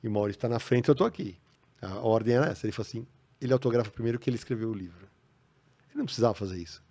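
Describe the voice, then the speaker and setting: A man with a Brazilian Portuguese accent, a podcast guest telling stories in a casual, animated way. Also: medium pitch, racing. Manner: animated, acts out quoted voices. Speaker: podcast guest, comics writer. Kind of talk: casual storytelling. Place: podcast studio.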